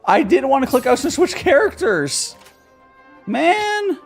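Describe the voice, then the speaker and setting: Over music, a card-game streamer thinks aloud in a casual way, full of fillers and words said twice. Her voice sits high and has an unhurried, sing-song lilt. This is laid-back live commentary on the game.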